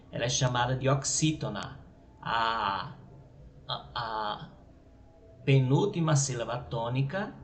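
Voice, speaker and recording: A male teacher with a Brazilian Portuguese accent explains a grammar point slowly and haltingly. He repeats words and keeps checking in with his listeners. The recording sounds echoey, with faint noise underneath. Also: medium pitch. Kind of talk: grammar lesson.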